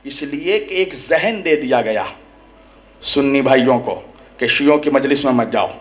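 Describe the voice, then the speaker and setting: A man giving an impassioned religious speech at a mourning gathering, speaking straight to his listeners, firing rhetorical questions with a repeated "hain?" and rising to shouts at the peaks. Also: medium pitch, lively intonation, moderate pace. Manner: rises to shouting at climaxes; speaks directly to the audience.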